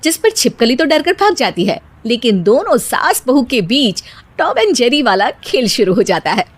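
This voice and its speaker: A woman's voice: high voice, very animated, normal speed. A woman narrating a scripted cartoon storybook tale as its storyteller.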